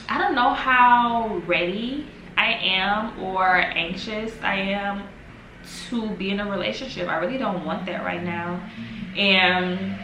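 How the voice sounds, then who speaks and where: A woman in her twenties, talking to the camera in a casual, reflective vlog, musing slowly and trailing off with fillers at home. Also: mid-range voice, sharp tone, a little hiss or hum. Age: 20s. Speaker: vlogger. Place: home, in the evening. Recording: echoey room with faint ambience.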